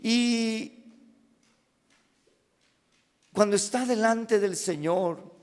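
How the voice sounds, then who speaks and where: A pastor with a Mexican Spanish accent preaches dramatically in a high, unhurried voice, rising to loud cries and then dropping to hushed, near-whispered asides. Long reverb from the church hall trails his words.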